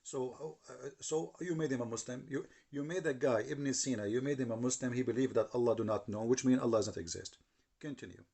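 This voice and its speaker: A man's voice: mid-range voice, fairly quick, vocal fry, a little mellow, slight background noise. A man giving argumentative commentary, translating clips and challenging what they say. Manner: repeats and restarts while translating, challenging tone.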